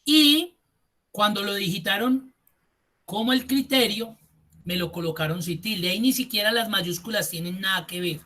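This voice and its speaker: Man, spreadsheet teacher, online class, bright tone, step-by-step explanations, computer mic. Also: high-pitched, moderate pace. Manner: explains step by step, addresses students directly. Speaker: Excel instructor.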